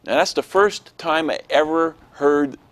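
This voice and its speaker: A man telling a personal testimony in an interview, animated and acting out the voices of people he quotes. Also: a little high, unhurried.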